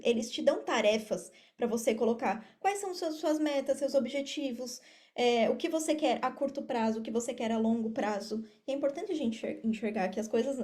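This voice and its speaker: A Brazilian woman in her thirties speaks Portuguese with a Brazilian accent as a podcast guest; she is an affiliate marketer and mentor. Her voice is a little high with a darkish tone, and she explains things informally in conversational interview answers, repeating points for emphasis.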